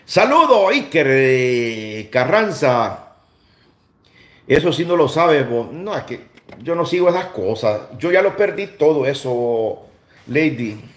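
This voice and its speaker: A man's voice: a little high, lively intonation, measured pace. Casual live-stream host, a man from El Salvador, chatty and loose, recorded in a roomy, echoey space. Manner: chatty, greets viewers by name, asks loose questions. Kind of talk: casual live-stream chat greeting viewers.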